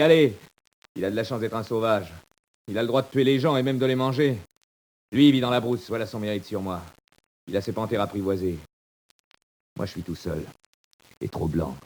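A condemned prisoner, proud and desperate, in an old-time radio play. He talks in a lowish voice and swings between bitter murmurs and sudden cries. The acting has the stagey, heightened delivery of 1940s radio. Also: darkish tone.

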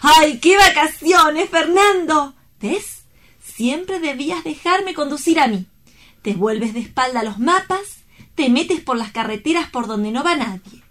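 Gushing and playful, a woman acts the part of a romantic young woman in love for an audio drama, her lines effusive and packed with exclamations. The voice is high, expressive and a bit bright, delivered a little slowly in a theatrical style.

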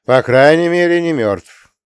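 A man's voice: fairly high pitch, lively intonation, a little slow, clean tone, dry recording, clean studio sound, voice pushed up. A man doing a resolute young son. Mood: calming. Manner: decisive, blunt. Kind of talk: audiobook character voice.

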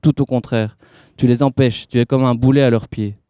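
A man reading a novel aloud and voicing a cold, smooth-talking man in grey who speaks in a pushy, persuasive way. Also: medium pitch, fairly even intonation, normal speed, warm tone, no room sound, close to an everyday voice. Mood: lecturing. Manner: persuasive, pushy, icy under a sweet tone.

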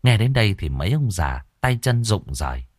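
Male audiobook narrator, low and animated, dry read. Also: moderate pace, no echo. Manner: expressive storytelling. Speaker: storyteller.

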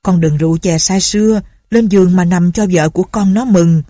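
A woman's voice: lowish voice, fairly quick, dry recording, studio quality, lightly acted. A woman voicing an anxious old village official. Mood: pleading. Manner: loud calling out. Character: anxious older man, a village official and father.

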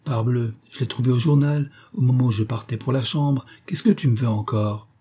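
Reading an audiobook, a man voices a brutal, contemptuous young man who answers his mistress curtly and with scorn, turning raised and sharp when angry. His own voice is medium-pitched and slightly rough, with a steady tone and moderate pace.

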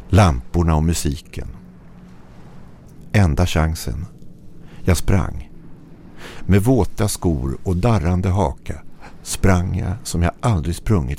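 A man with a low, dark, mellow voice reads a first-person horror story. He delivers it in short, clipped, tense phrases, with a faint hum of ambience behind him. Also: expressive, creaky. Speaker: narrator. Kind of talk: scripted narration of a horror story.

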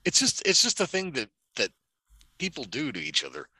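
A man's voice: medium pitch, huge pitch swings, a little fast, pushed and bright, husky, no room sound, rough recording. A man co-hosting a comedic prank-call show, joking crudely, swearing freely and breaking into silly voices. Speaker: co-host.

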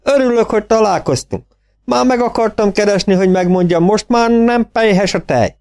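A man's voice: high voice, darkish tone, voice pushed up. A man voicing a big, stately old farmer who talks in rustic country dialect, in an audiobook. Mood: pleased.

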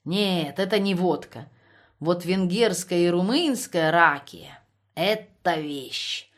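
Woman voicing a loud drunken bragging army officer. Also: lowish voice, expressive, slow pace. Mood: boastful. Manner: loud, blustering, slurred bragging.

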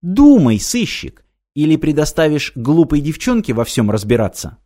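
A man reading the lines of a determined young woman in an audiobook, brisk and earnest. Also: mid-range voice, animated, warm tone. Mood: teasing.

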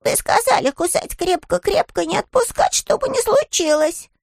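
A woman reading a storybook aloud and voicing a small, earnest male bear cub in a high, childlike voice. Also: very animated, moderate pace, creaky, dry recording, studio quality, exaggerated voice. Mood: proud.

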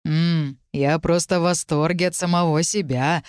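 A woman's voice: sits low, fairly even intonation, normal speed, darkish tone, smooth, no room sound, clean studio sound, lightly acted. A woman voicing a smug, playful male dragon in an audiobook, purring and self-satisfied.

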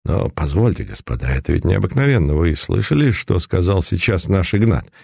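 A man voicing an excitable, frightened baron in an audiobook reading. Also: low-pitched, vocal fry, husky, no room sound, studio quality, heavily acted. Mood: agitated. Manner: agitated, quick and fearful.

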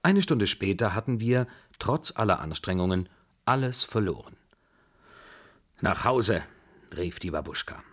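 A man narrating a novel for radio in a steady, calm storytelling manner. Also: on the low side, moderate pace.

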